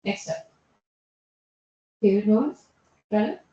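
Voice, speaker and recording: A woman's voice: mid-range voice, unhurried, mellow. A woman hosting a club meeting, chatty and teasing as she calls on people. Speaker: meeting host. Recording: echoey room, far from dull mic.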